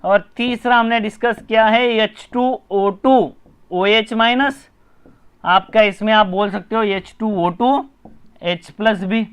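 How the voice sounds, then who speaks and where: A man with an Indian accent teaching a live online chemistry class, brisk and repetitive, often urging viewers to comment, like and share. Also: high voice, a bit bright, clean tone.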